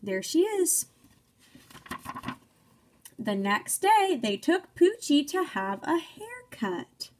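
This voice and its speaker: A young woman teacher reads a picture book aloud to small children, asking her listeners questions along the way. Her high voice swoops with big pitch swings and lots of melody, slightly mellow, and she takes it slowly with long pauses. She keeps her words simple and encouraging, as with early readers.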